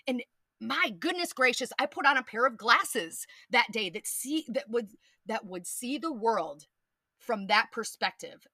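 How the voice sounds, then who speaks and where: Woman podcast host, bright voice, dry close sound, animated, profane, playful. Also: fairly high pitch, no room sound. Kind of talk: casual astrology talk.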